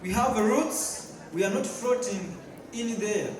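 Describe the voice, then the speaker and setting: A man from Tanzania giving a halting public speech with fillers and repeated words at a community event. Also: high voice. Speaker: guest speaker. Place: large hall at a community event. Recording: echoey hall, distant mic, crowd. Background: crowd.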